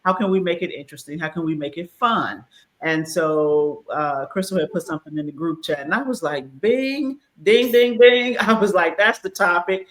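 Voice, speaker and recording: A woman's voice: on the low side, normal speed, rough recording. Laughing fifties woman hosting a chat. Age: 50s. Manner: lively, laughs often, playful asides. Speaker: host. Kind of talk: casual chat.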